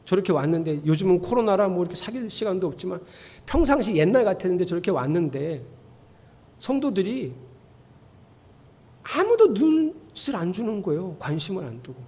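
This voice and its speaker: A middle-aged man preaching a sermon as pastor, telling stories with animation and building to emphatic, near-shouted appeals. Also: high voice, big pitch swings, a little fast. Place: church sanctuary. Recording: long church hall reverb.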